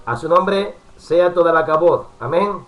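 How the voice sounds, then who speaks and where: Preacher over faint music. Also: male voice, fairly high pitch, rough recording. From Spain. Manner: warm pastoral address with frequent asides, pausing to work the computer. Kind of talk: recorded Bible study sermon.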